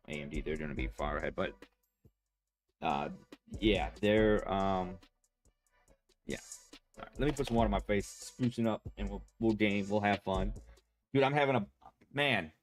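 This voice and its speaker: A man chatting casually to his stream viewers, rambling and excitable, full of fillers and restarts. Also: on the low side. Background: faint music.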